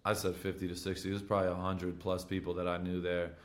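Deep-voiced American frat-bro guy. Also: little pitch movement, fast talker. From Michigan, USA. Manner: frat-bro talk, slangy and profane, with bro and dude. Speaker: pro football player on his own podcast. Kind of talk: casual podcast chat.

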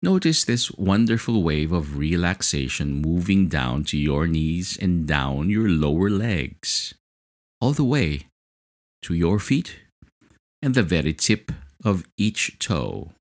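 Slow, deep-voiced man guiding hypnosis. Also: very animated. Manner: slow, soothing, hypnotic delivery. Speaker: hypnosis guide. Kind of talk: guided hypnosis relaxation script.

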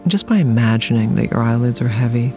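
A meditation host guiding a relaxation hypnosis in a soothing, deliberate way with long pauses. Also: mid-range voice, expressive. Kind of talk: slow guided relaxation hypnosis narration. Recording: music playing behind the voice. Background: music.

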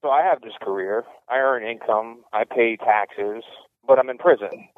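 A man hosting an interview over a collect call from a prison payphone, talking casually and haltingly with lots of fillers. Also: medium pitch, no echo. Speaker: podcast host and prisoner. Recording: muffled, dry phone line with faint music.

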